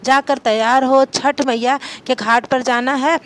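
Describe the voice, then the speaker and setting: A woman voicing a patient young husband coaxing his wife, in her own high voice. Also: steady tone, unhurried, fairly bright tone.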